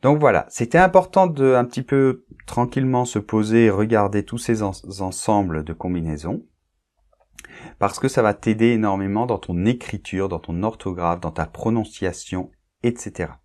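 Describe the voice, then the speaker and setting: A man's voice: on the low side, normal speed, darkish tone. A man teaching French pronunciation, patiently repeating example words and often checking that the listener follows. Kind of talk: pronunciation lesson.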